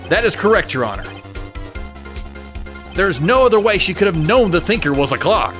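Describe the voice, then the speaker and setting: A man voices a determined, pressing young defense lawyer for a fan dub of game dialogue, game music playing underneath. His high-pitched, fairly bright voice has a sing-song quality at a moderate pace.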